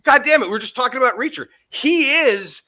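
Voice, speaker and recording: This podcast co-host has a very high, expressive voice that's bright, forceful, and a little fast. Drunk and enthusiastic, he rambles loosely and curses constantly.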